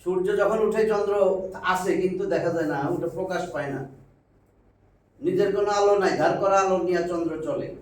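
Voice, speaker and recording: A man's voice: high voice, brisk. A man teaching a Quran reading class. He speaks, talks patiently, repeats words and keeps asking if the class understands. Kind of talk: classroom lesson at a whiteboard. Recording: echoey room, mic far off.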